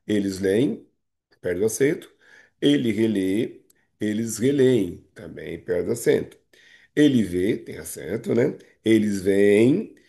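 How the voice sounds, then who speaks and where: A man's voice: on the low side, animated, slow pace, gravelly, mellow. A male teacher with a Brazilian Portuguese accent, giving a recorded video lesson on grammar. He explains patiently and keeps checking in with the class. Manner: explains patiently with frequent "né?" and "não é isso?" checks; hesitant restarts and fillers.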